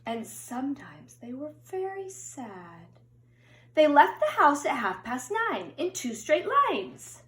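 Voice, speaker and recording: Upstairs indoors at home, a middle-aged woman with a high voice reads a picture book to young children, slow, deliberate and expressively singsong. The roomy recording has echo.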